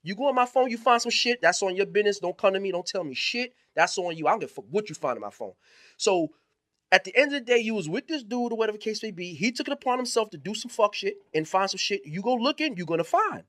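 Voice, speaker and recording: A man's voice: high voice, expressive, fast talker, a bit bright, no room sound, studio quality. A man co-hosting a podcast in casual chat, blunt and emphatic, cursing freely and cutting in often. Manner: blunt, emphatic, profane, keeps interrupting. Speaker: podcast co-host.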